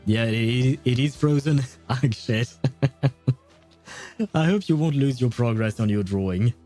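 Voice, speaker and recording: A mellow mid-range male voice drifts slowly through casual chat with viewers during a gaming livestream. He hesitates, wanders off topic, and laughs softly a lot, over faint game music.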